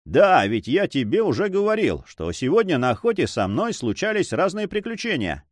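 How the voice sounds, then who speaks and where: Ironic young nobleman, voiced by a male narrator, bantering and lively, storybook hero. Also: a little high, moderate pace, no room sound, clean studio sound, pitched above the performer's own voice. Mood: earnest. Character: teasing, carefree young nobleman, Don Sancho.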